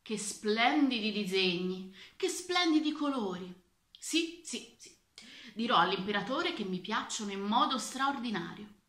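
A woman's voice: mid-range voice, brisk, hardly any pauses, bright, forceful tone, reverberant, natural voice. A woman voicing an anxious old male minister, flustered and nervously gushing, in a children's story read aloud.

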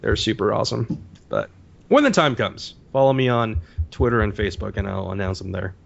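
A man guesting on a podcast as a voice actor, telling stories in a casual, animated way full of "like" and "um". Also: on the low side, a little fast, gravelly, lo-fi sound. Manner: animated storyteller, peppered with "like" and "um".

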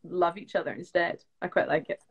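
A woman's voice: on the low side, fairly quick, breathy edge. A young woman from the UK, chatting casually as a guest on a phone live stream, with lots of fillers like "like" and "um". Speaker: actress guest. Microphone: phone on a video live stream.

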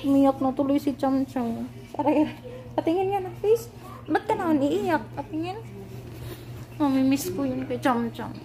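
A woman's voice: sits high, expressive, moderate pace, background noise. A young woman from Iloilo vlogging casually in an office, coaxing and affectionate, slipping English words into her talk. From Iloilo, Philippines. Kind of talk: casual home vlog chat. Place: office indoors.

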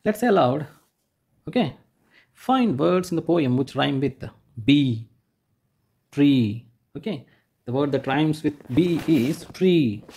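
A man's voice: fairly high pitch, mellow, husky. A man, teaching a school textbook lesson to children, repeating each point and rephrasing it patiently. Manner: points and demonstrates with "like this".

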